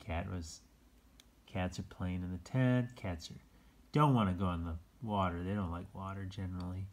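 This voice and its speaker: In a low voice with fairly even intonation and a normal speed, a person reads a picture book to young children. They keep it casual, adding asides and explaining words in simple terms.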